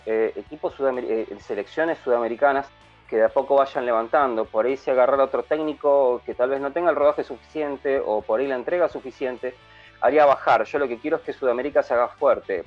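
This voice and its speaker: A man giving relaxed, opinionated views on football in a casual chat. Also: medium pitch. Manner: relaxed opinionated talk with fillers. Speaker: panelist. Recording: dull lo-fi sound, faint music.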